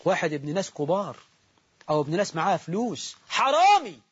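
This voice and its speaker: An Egyptian man delivers an impassioned sermon in a fairly high voice. His voice is husky and moves from soft to loud as he tells stories. The recording sounds dull and muffled. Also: very animated, fast. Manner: impassioned storytelling, shifts between loud and soft. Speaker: preacher.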